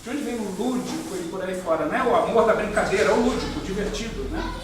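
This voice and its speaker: A Brazilian man with a high voice talks fast over background noise as he leads a spiritist study group, explaining ideas with frequent rhetorical questions and a habitual "né?". He's in the group's meeting room, recorded on a distant mic in an echoey space.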